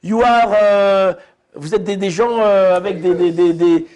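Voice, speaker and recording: A man voicing a gushing woman at an airport who speaks loudly and slowly and fumbles for words. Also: medium pitch, lightly acted. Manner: loud, slow, fumbling for words.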